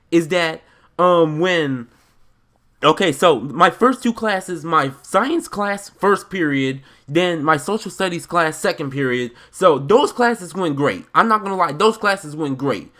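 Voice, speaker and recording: A young man from Chicago with an American accent delivers an animated storytime rant. His voice sits a little high for a man. He rambles in casual slang and leans on his words with indignant emphasis. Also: takes it slowly. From Chicago, United States.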